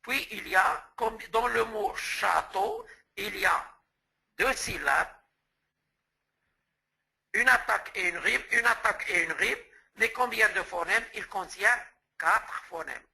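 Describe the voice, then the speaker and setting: Male trainer from Morocco, slow deliberate lecture delivery, high voice, patient step-by-step explainer. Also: sing-song, creaky, pushed and bright, husky, poor audio. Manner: explains step by step, restating terms and giving word examples. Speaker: teacher trainer.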